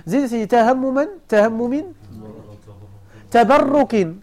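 A man from Morocco with a Moroccan Arabic accent, a sheikh explaining a classical grammar and rhetoric text step by step, repeating examples slowly and asking his students questions back. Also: very high-pitched, a little mellow.

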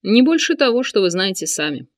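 A captive nobleman, cool and cutting, who refuses to bow to his captor, as a woman reader voices him. He speaks at a middling pitch. The reading is close and dry. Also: a little fast, no echo, lightly acted. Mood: defiant. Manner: calm, cutting, defiant. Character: defiant captive male nobleman, bold and cool. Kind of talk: audiobook character reading.

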